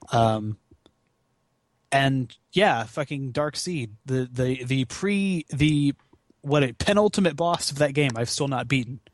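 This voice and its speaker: In studio-quality audio with no room sound, a medium-pitched man in his twenties chats about video games in a casual, meandering way. He is a podcast guest and gaming marathon runner who swears freely and makes slangy, self-deprecating remarks.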